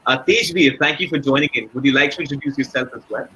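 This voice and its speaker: A man's voice: medium pitch, fast, pushed and bright, slight background noise, low-quality recording. A young man moderating a panel with formal, scripted introductions.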